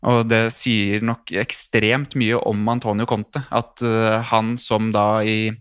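A man speaks as a football expert in a casual, thoughtful way, pausing with fillers. His voice is low and smooth, and the recording is dry and close. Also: little pitch movement, dry recording. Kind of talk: casual interview talk.

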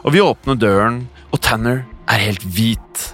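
A man tells a scripted horror story in the first person, steady and hushed. His voice is mid-pitched, with faint music running under the studio recording. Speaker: podcast narrator.

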